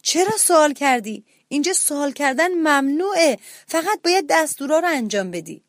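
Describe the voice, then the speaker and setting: A woman's voice: high-pitched, animated, dry recording, studio quality, pitched above the performer's own voice. A woman voicing a timid, fawning servant mouse in a children's story, pleading and scolding in a nervous voice.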